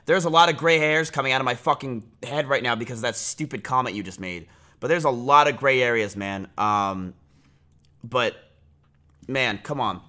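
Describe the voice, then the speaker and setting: At a moderate pace, a medium-pitched man's voice with a sharp edge comes from a home streaming setup in a small room. The twenty-something livestreamer rambles casually, full of fillers and restarts, and grows heated and blunt.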